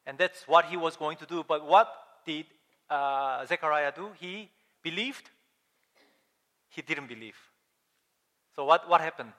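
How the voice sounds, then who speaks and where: Male pastor, sermon delivery, somewhat high and bright voice, emphatic and questioning. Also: measured pace, long pauses. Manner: animated, emphatic, asks the congregation questions. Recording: long hall reverb.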